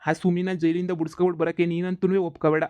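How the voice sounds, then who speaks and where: A man's voice: high voice, fast, clear, resonant tone, no echo, lightly acted. A man voicing a bossy, teasing village husband who mocks his wife. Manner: mocking, flat drawl, rustic dialect. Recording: slightly dull lo-fi sound.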